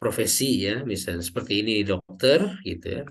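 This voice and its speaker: A man teaching Arabic grammar in an online class, explaining slowly and drawing out example words, often checking in with "ya". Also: lowish voice, slightly rough. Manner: slow, drawn-out teacher's explanation with frequent "ya" checks.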